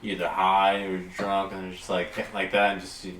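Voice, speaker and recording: A man with a lowish voice gropes for words, halting and filling gaps with likes and you-knows. He sits back from the mic in an echoey room, with faint noise behind him. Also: monotone, a bit bright, distant mic. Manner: halting, filler-heavy. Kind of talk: casual chat.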